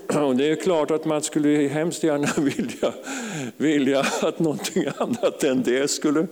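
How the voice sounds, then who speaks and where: A man preaching a fervent sermon to a congregation, calling out hallelujahs and sometimes rising to a shout. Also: a little high, big-room sound. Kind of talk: charismatic sermon. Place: church.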